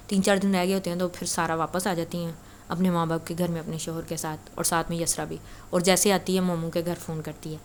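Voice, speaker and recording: A woman's voice: fairly low pitch, slight background noise. A woman casually retelling a story in a chatty, conversational way. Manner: chatty, conversational, frequent filler "na".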